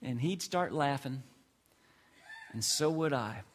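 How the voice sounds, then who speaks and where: A man's voice: medium pitch, lively intonation, slow. A middle-aged man preaching a sermon in a conversational, playful way, full of questions put to the congregation. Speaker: pastor.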